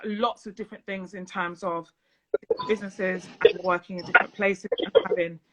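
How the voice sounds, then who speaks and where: A woman, a financial and business coach, talking as a guest on a live phone video chat in a measured, earnest way. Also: medium pitch, fairly even intonation, noisy background. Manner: measured, earnest, speaks deliberately slower.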